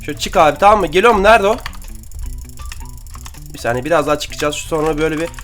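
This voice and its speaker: Fast, high-voiced young man commentating gameplay. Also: faint music behind. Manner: excitable, slangy, chatty with viewers. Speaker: gaming YouTuber.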